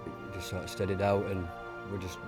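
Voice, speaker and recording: A man giving a halting, plain-spoken interview as an amateur golfer. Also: sits low, flat delivery, loud music behind the voice. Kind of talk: casual post-round interview.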